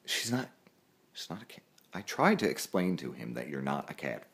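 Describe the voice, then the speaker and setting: A man's voice: rumbling low, big pitch swings, normal speed, vocal fry, fairly bright tone, husky. A man vlogging outdoors by a road, talking to the camera in a rambling, intense, self-deprecating way. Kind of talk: casual vlog talk to camera.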